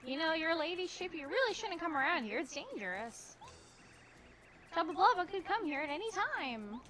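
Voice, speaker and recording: A woman voicing a timid, fretful ghost villager from a video game, speaking in a hurried, worried way. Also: very high-pitched, sing-song, bright, forceful tone, voice pushed up, exaggerated voice.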